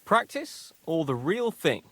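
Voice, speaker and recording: A man's voice: a little high, sing-song, takes it slowly, bright, forceful tone, breathy edge, no echo, full character voice. An actor playing a friendly, eager male sword sparring partner in a video game.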